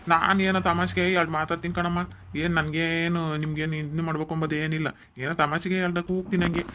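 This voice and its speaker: Old peddler, voiced by a man, fast, flat, fairly high-pitched, cartoon. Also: slight background noise. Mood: pleading. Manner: joking, pleading, quick. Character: joking old male cloth peddler. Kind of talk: cartoon voice acting.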